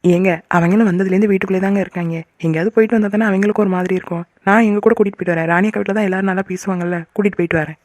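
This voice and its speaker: A woman voicing a quick-tempered young wife in a cartoon, huffy and sharp-tongued. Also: medium pitch, steady tone, no room sound, lightly acted. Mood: calm. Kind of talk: cartoon voice acting.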